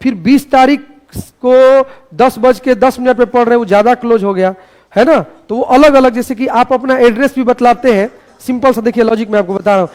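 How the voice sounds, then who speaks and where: A man teaches a class in a classroom. His voice sits very high, and he speaks loudly and playfully, firing call-and-response prompts at his students. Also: brisk. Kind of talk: energetic classroom lecture.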